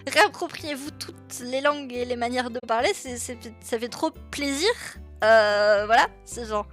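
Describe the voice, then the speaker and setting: A woman's voice: fairly high pitch, a little slow, a bit bright, soft background music. A woman streamer chatting casually and rambling on a gaming livestream, reading game dialogue aloud as she plays. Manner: chatty and rambling, with frequent fillers and laughs; reads game dialogue aloud while playing.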